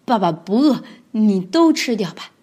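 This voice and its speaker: A woman voicing a big tyrannosaurus who turns into a gentle father, speaking in a gruff, drawn-out way. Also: mid-range voice, big pitch swings.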